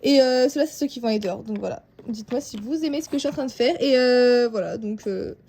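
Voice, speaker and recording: Young woman vlogger, mellow higher voice, rambling chatty asides, phone at home. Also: fast, slight background noise. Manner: chatty, rambling, many fillers and asides to viewers. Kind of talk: casual vlog chat to viewers. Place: home, indoors.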